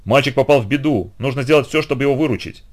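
A man's voice: mid-range voice, lively intonation, moderate pace, lightly acted. A man voicing a worried old grandfather with a trembling, pleading voice in an audiobook. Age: older.

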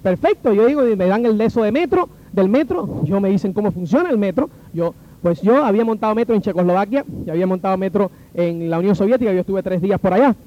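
A man with a Cuban Spanish accent and a high, bright-sounding voice tells a long personal story. He is animated and plays out the dialogue of each person he meets. The recording sounds dull and lo-fi. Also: fast talker. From Cuba. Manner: animated, acts out the dialogue of the people in his story.

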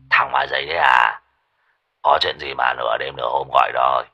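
A man voicing a gruff older village exorcist, bossy and husky. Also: rumbling low, level tone, normal speed, pushed and bright, highs cut off, pitched below the performer's own voice, exaggerated voice. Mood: teasing. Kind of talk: audiobook character voice.

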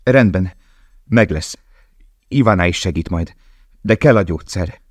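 Guy reading a book doing a scared young woman prisoner, pleading, urgent, really low voice, dry sound. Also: lively intonation, darkish tone, dry recording.

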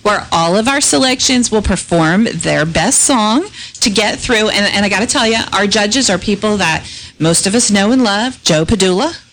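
A woman's voice: medium pitch, moderate pace, fairly bright tone, slight background noise, low-quality recording. A woman from the Northeast US, chatting on local radio in an upbeat, promotional way about base events. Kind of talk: casual radio chat.

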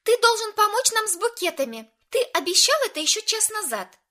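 Woman putting on a shrill touchy young woman. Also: sing-song, slow pace, full character voice. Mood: demanding. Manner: sharp and reproachful.

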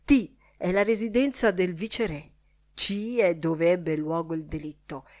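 Woman reading as an excitable old newspaper editor guy, pushy and emphatic, lowish voice. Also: unhurried, lightly acted. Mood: excited. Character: excitable blustering older male newspaper editor.

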